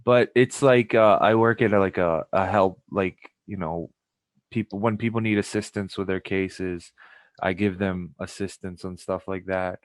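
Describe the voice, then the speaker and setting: A man's voice: low voice, fairly even intonation, normal speed. A young man from Pakistan, a podcast guest, chatting casually and rambling with many restarts. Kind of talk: casual chat.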